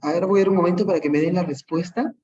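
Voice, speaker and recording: Racing along in a steady, mid-range, slightly mellow voice over lo-fi sound, a teacher with a Peruvian Spanish accent delivers an online lesson. Many examples are worked through patiently, with tag questions frequently used to check in.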